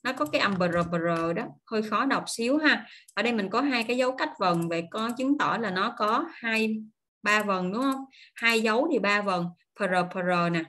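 A woman teaching English pronunciation online, drawing out model words slowly and then explaining in quick, chatty asides. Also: medium pitch, lively intonation, a bit bright. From Vietnam.

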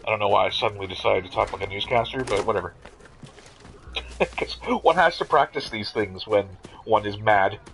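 A man's voice: fairly low pitch, a little fast, creaky, a bit bright, faint music behind, low-quality recording. A man giving casual let's-play commentary as a gamer, joking and muttering asides with some swearing.

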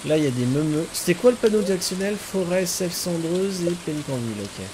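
A man's voice: high-pitched, animated, brisk, background noise. A man doing casual let's-play commentary, chatting and reading game text aloud, now and then swearing lightly. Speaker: gaming streamer. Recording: game music playing behind. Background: game music and rain sounds.

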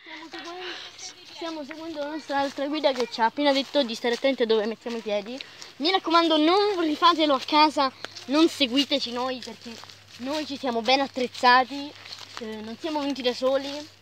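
A woman's voice: high voice, fairly quick, fairly bright tone, a little hiss or hum. A young woman leading a playful outdoor tour vlog, joking and hesitant, sometimes nervous. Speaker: vlogger guiding a tour. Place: outdoors by a castle in the countryside.

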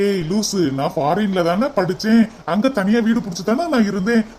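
A man's voice: sits high, a little fast, a little mellow, slight background noise, lightly acted. A man voicing a doting young cartoon husband who is affectionate and teasing, with a Tirunelveli Tamil accent. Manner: affectionate, reassuring.

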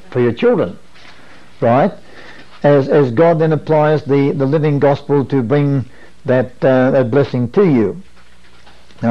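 A man in his fifties giving an earnest, measured podium speech as a preacher, teaching with rhetorical questions. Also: on the high side. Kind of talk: sermon as podium speech, teaching at a camp meeting. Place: small wood-panelled room, standing at a desk. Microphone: lapel or pocket-clipped microphone. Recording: muffled lo-fi 1980s videotape.

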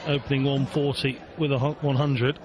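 A man giving live darts commentary in measured, short play-by-play phrases. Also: mid-range voice, little pitch movement. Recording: clear background venue noise. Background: darts venue ambience.

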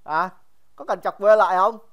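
A man's voice: high voice, normal speed, a bit bright, clean tone. A young man teaching a casual livestream math review, chatty and joking, teasing his students by name and often repeating himself.

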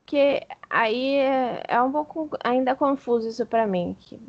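A Brazilian woman student speaks slowly and hesitantly in a fairly high voice. Her call audio comes through dull and lo-fi, and she reads her words out with care. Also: a crowd in the background. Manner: careful, hesitant, reads word lists slowly. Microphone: video call.

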